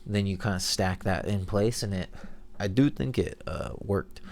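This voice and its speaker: A young male video host comments over his own video, rambling in a laid-back, slangy manner with a stuffed-up, nasal voice. It's low, a little mellow, at normal speed with vocal fry, recorded on a voice-over mic while he monitors through headphones.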